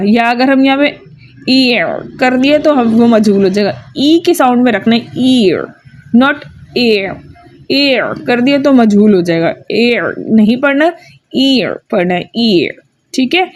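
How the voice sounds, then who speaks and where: High-voiced woman teaching Quran recitation. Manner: patient, repeats each sound twice, checks with "theek hai". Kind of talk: tajweed lesson with drilled letter sounds.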